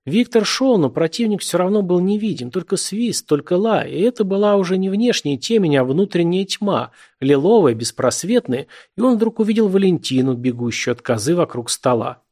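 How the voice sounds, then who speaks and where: A man reading literary prose aloud as an audiobook narrator, in a steady, measured storytelling manner. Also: sits high.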